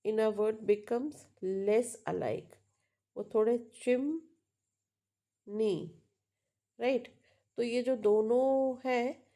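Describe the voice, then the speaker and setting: A woman teaching phonology at a slow, unhurried pace, with a dark, mellow tone. She switches between Hindi and English and repeats each example word several times to model how it sounds. She often pauses to check that her students are following. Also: fairly high pitch. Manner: explains slowly, mixing Hindi and English, checks in with "है ना?". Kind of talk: lecture on phonology.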